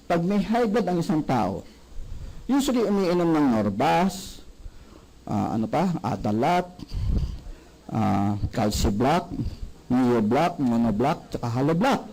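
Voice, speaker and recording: A man giving a sales seminar, animated and often asking the audience questions. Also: on the high side, slow pace, long pauses, low-quality recording. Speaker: product presenter.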